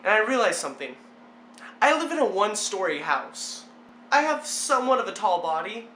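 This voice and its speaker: A high, bright voice from a young man, who rambles through a story about his own blunders and pokes fun at himself. He sounds like he is in an echoey room, with a faint hiss underneath. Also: moderate pace. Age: young adult. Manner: rambling, self-mocking, animated. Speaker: vlogger. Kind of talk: casual comic storytelling.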